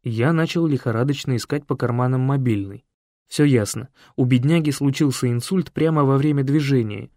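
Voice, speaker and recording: A man reads a funny first-person tale with lively comic timing, his mid-pitched voice sitting close and dry with no room echo. The telling is brisk and narrative, built for the punchlines. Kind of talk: humorous story narration.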